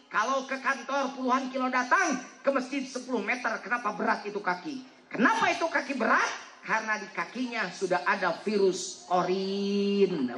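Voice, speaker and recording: Guy preaching n cracking jokes at the crowd, sharp bright voice, roomy hall sound. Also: very high voice. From West Java. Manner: joking, teasing the audience, asking it to answer back. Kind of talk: humorous sermon to a live congregation. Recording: echoey hall with faint crowd.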